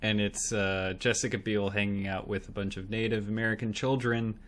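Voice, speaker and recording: A man's voice: fairly low pitch, moderate pace. A man co-hosting a casual movie review podcast, swearing, laughing and acting out scenes. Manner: animated, laughing, profane, acts out scenes. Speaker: podcast co-host.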